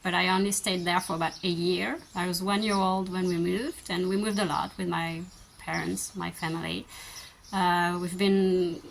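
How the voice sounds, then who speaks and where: Gentle French woman vlogger, low voice. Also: flat delivery, moderate pace, gravelly, slight background noise. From France. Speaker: vlogger answering viewer questions. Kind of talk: casual Q&A chat.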